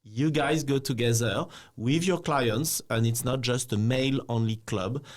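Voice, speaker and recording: A man from France, speaking as a bank executive guest in a casual interview, animated and peppered with "you know". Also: medium pitch, a little slow. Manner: animated, slightly non-native phrasing, frequent "you know".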